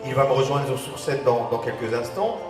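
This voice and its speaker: A man's voice: mid-range voice, animated, moderate pace, loud music behind the voice. A man hosting a cabaret, making chatty, hesitant announcements from the stage. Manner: chatty, hesitant, repeats words as he goes. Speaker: cabaret master of ceremonies. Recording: echoey hall, slightly distant microphone.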